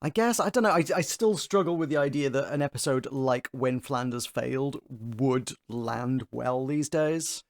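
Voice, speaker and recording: A man's voice: medium pitch, moderate pace, hardly any pauses, no echo. A man in casual podcast chat, dropping dry, wry remarks.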